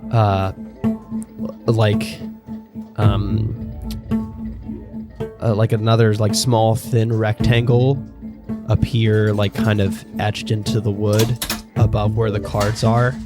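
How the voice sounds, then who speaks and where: A man improvising tabletop game narration as game master, haltingly searching for his words. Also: on the low side, little pitch movement. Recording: loud plucked guitar music behind.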